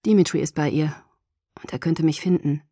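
A woman doing a quiet, tense young male vampire. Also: low voice, brisk, no echo, clean studio sound, pitched below the performer's own voice. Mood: tense, reassuring. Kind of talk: audiobook character voice.

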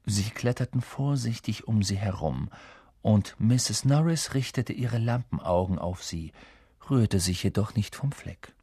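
A man narrating a storybook audiobook in an expressive way. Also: on the low side, unhurried, slightly rough, dry recording, studio quality.

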